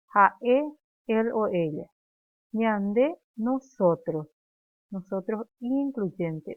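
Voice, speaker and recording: Paraguayan woman teacher, unhurried, drills phrases for students to repeat, tinny dry recording. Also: on the high side. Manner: slow, clear, repeats phrases for students to echo. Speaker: Guarani language teacher. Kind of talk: classroom lesson, drilling conjugations. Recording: dry, phone-like narrow sound.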